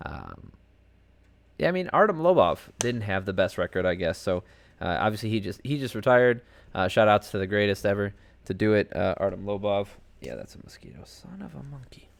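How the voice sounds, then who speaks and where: Low-voiced man rambling about fights. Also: expressive, fairly quick, creaky. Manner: rambling and chatty, heavy on fillers and asides. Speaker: podcast host. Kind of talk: casual solo commentary on fight results. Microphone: home desk setup.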